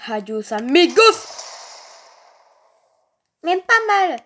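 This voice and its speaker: High-pitched woman, youthful, slow-paced, very animated, playful gaming role-play. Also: a little hiss or hum. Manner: playful play-acting, slangy, exclamatory. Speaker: gaming video creator voicing characters. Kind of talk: improvised role-play over video game footage. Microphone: handheld phone filming a screen.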